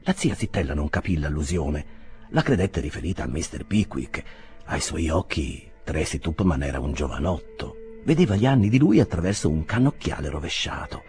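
A man reading a classic novel aloud as an audiobook, with expressive storytelling. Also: extremely low pitch, moderate pace. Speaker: audiobook reader. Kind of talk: audiobook narration.

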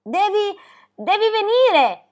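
A woman's voice: very high voice, slow pace, voice pushed up, exaggerated voice. A woman reading aloud voicing a bold, eager young girl who calls out insistently. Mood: excited. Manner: excited, insistent calling.

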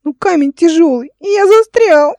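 A timid little servant boy with a thin, high, squeaky voice, as a woman reader puts him on. He pleads breathlessly and in a hurry, in a storybook audiobook. The voice is mellow and close, in a dry room. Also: expressive, normal speed, dry recording. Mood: distressed. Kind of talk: audiobook character voice.

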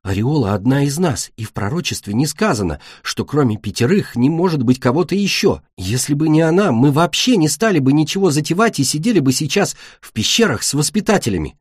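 A man's voice: on the high side, big pitch swings, a little fast, few pauses, breathy edge, dry recording, clean studio sound, voice pushed up. A man voicing a loyal, good-natured young male earth dragon who talks indignantly.

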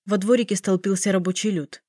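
A woman narrating an audiobook in an even storytelling manner. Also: mid-range voice, a little fast, no room sound, clean studio sound. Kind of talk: scripted narration.

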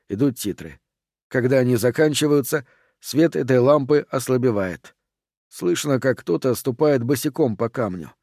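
A man narrating a horror audiobook in an even, steady reading voice. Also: mid-range voice, dry recording, clean studio sound.

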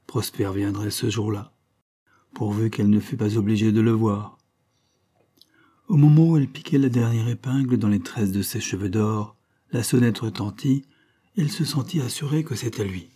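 A man narrating a classic novel as an audiobook reader, in a measured literary reading. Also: fairly low pitch, mellow, slightly rough. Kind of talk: scripted narration.

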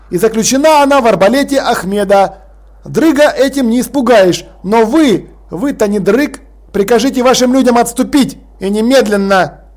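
Brief: man reading a blunt, commanding police chief, high-voiced. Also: a little mellow. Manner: dry, commanding. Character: gruff stubborn male city watch commander.

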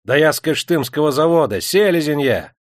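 A man's voice: a little high, expressive, moderate pace, a bit bright, no room sound, clean studio sound, pitched above the performer's own voice. A man voicing a boastful male factory clerk who turns frightened and pleading. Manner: pleading, wailing.

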